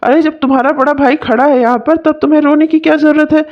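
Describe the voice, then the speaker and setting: A woman's voice: high voice, flat delivery, fast talker, muffled recording, natural voice. A woman voicing a generous, protective elder brother-in-law in a cartoon, speaking in a coaxing, affectionate way. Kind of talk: cartoon voice acting.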